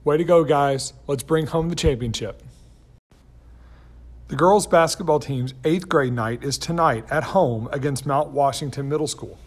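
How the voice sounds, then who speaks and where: A man reading out a school's morning announcements in an upbeat, clear, scripted way. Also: fairly high pitch, moderate pace.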